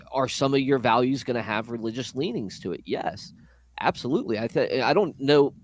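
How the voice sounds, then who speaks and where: Man panelist, reflective, restarts often, mid-pitched. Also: darkish tone, dry recording. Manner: reflective, restarts sentences, fills with "you know" and "I mean". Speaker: panelist on a faith discussion show. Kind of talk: casual discussion.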